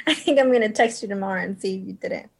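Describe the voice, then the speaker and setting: A woman's voice: medium pitch, fast, creaky, husky. A young woman in a casual group chat, teasing and encouraging, a little tipsy on wine. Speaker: guest.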